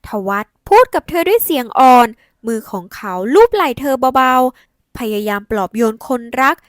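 A woman narrating an audio novel in an expressive, dramatic scripted style. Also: sits high, normal speed, dry recording, studio quality.

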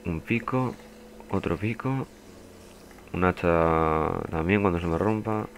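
A man's voice: low voice, lively intonation, takes it slowly, a little hiss or hum. A young man giving casual, swearing let's play commentary as a gaming youtuber. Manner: swearing, chatty, bursts into panicked yelling.

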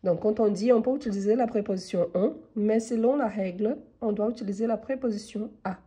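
A woman's voice: mid-range voice, a little fast, mellow. A woman teaching French grammar online, patiently reading each exercise sentence and then explaining the rule, her voice congested from a cold. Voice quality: husky.

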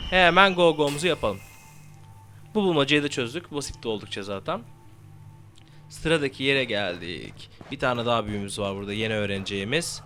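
A young man with a bright, slightly high voice chats through a game he is playing. He curses freely and shouts spell words into the mic, with faint game music underneath. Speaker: gameplay commentator. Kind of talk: let's play commentary.

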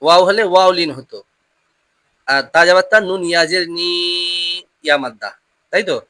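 A Quran reading teacher giving a patient lesson, drilling pronunciation call-and-response, often repeating questions and slowing down to model each word. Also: mid-range voice, a bit bright, no room sound.

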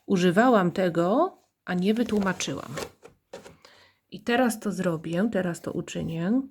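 A woman's voice: fairly low pitch, unhurried, darkish tone, slight background noise. A woman teaching English to young children in a recorded lesson. She explains patiently, tells playful little stories and has the class repeat after her.

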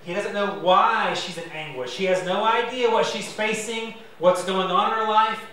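A man's voice: high voice, normal speed, bright, forceful tone, very echoey, far from the mic, slight background noise, low-quality recording. A man preaching a sermon to his congregation as pastor, conversational and self-deprecating, with asides to the listeners. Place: church sanctuary.

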